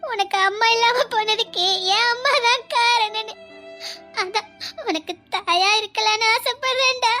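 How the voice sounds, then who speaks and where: A woman's voice: extremely high pitch, steady tone, moderate pace, bright, forceful tone, soft background music. A woman with a Tirunelveli Tamil accent playing a stubborn, devoted young woman in a comedy skit, pleading and teasing. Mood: tender. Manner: tearful pleading turning to playful teasing. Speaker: lead character in a comedy skit. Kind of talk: melodramatic skit acting.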